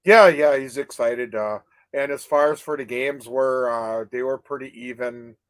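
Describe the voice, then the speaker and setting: A man's voice: medium pitch, normal speed, clean tone, dry recording, rough recording. An older man co-hosting a casual live chat, rambling with restarts and frequent "you know?" tags. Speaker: co-host of a live advocacy chat.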